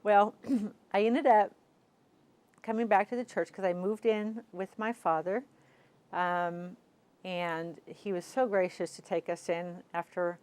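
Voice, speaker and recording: A woman guest on a TV interview, telling her own story hesitantly, with many fillers and throat clearing. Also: fairly low pitch, steady tone, slow, darkish tone.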